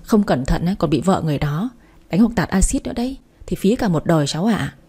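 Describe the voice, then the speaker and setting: A woman reading the part of a stern, scheming older mother-in-law who lectures and warns, in a dark, mellow voice. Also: lowish voice, lively intonation, quick pace, breathy edge. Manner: lecturing, warning tone.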